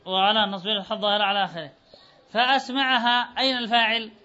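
A man's voice: sits high, flat delivery, rapid-fire, sharp tone. A man teaching a grammar lesson, quizzing students and repeating their answers back to them. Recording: dull lo-fi recording.

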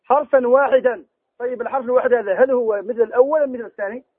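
A man teaching Quran recitation rules in a classroom lesson, quizzing students and then answering his own questions, slowing down to recite verse examples. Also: extremely high pitch, fairly even intonation, breathy edge, dry recording. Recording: tinny phone-like lo-fi recording.

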